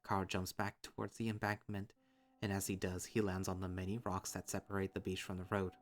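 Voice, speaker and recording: A young man reading a visual novel aloud in first person, with steady, earnest storytelling. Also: sits low, a little fast.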